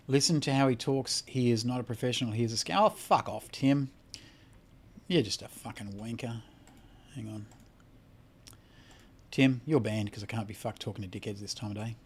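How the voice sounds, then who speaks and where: A tired Australian man hosting a casual credit repair livestream, reading out chat comments and answering bluntly with a lot of swearing. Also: mid-range voice. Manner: blunt and profane, swears freely.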